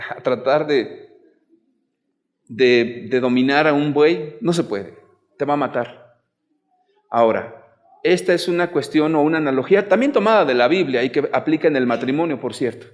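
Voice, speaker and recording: A man giving a talk on marriage and family to couples, conversational and asking the audience questions. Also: on the high side. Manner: conversational, asks the audience questions, lively examples. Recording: long hall reverb.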